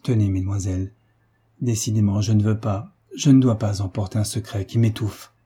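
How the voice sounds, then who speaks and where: A man's voice: fairly low pitch, steady tone, normal speed, warm tone, slightly rough. A man voicing a joyful older sailor, a veteran uncle who speaks in hearty exclamations.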